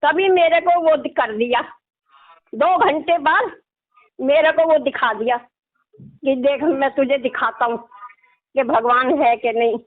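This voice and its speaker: A middle-aged woman, calling as a religious devotee, keeps up a casual, complaining chat on the phone and tags her phrases with little questions. Her high voice takes things slowly, and she pauses often. The line is tinny and narrow.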